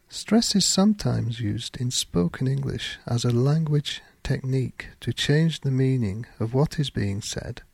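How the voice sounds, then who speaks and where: Guy doing a slow english pronunciation lesson podcast, husky gravelly voice, dry close sound. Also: medium pitch, no echo. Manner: deliberate, clearly spaced delivery with example sentences. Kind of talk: slow, careful teaching monologue.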